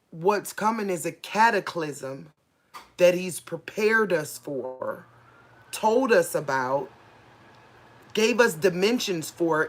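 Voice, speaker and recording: Woman, faith livestream host; unhurried, halting delivery, searches for words and repeats herself; casual spoken message at mid pitch.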